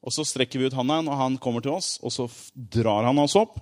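A man's voice: mid-range voice, darkish tone. Man preaching an informal sermon. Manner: conversational, explains with everyday examples, frequent fillers and asides.

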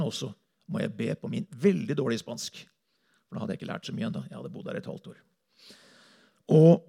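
Male missionary preacher, rough husky voice, earnest testimony sermon. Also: medium pitch, darkish tone. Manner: earnest storytelling, speaking to a congregation.

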